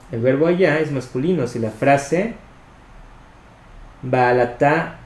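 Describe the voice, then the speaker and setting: A man reading a religious commentary aloud in a measured, explanatory way, slowly spelling out Hebrew terms. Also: medium pitch, darkish tone. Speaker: Torah study reader. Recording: echoey room with faint noise.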